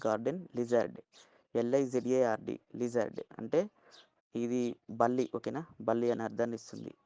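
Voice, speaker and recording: A man's voice: medium pitch, creaky, dark tone, no echo. A man with a Telugu accent teaching a vocabulary lesson, spelling words out letter by letter and checking in with "okay?" after each one.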